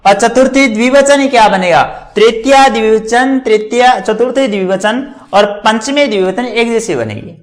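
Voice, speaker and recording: High-voiced man drilling Sanskrit forms. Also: moderate pace, hardly any pauses. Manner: asks and answers his own questions; drills word endings by repetition. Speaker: Sanskrit grammar teacher. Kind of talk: classroom lecture.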